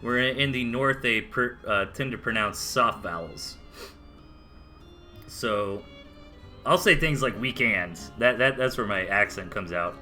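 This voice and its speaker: A man's voice: medium pitch, lively intonation, measured pace, long pauses, bright, forceful tone, faint music behind. A man with a Southern US accent casting a strategy game match live, chatty play-by-play with casual asides. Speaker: esports caster.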